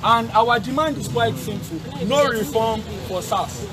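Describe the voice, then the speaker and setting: A young man speaks in a very high, strained register at an outdoor street protest, forceful and emphatic. A loud crowd surrounds him on a city street, captured on a phone in the crowd. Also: animated, measured pace. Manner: forceful, emphatic, repeats key demands. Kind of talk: public speech at a street protest.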